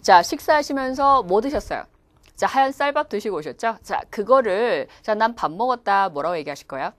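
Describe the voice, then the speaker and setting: Animated woman teaching pronunciation. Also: medium pitch, fairly quick, dry recording. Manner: animated, demonstrates pronunciation playfully. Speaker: English test instructor. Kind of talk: lively classroom lecture.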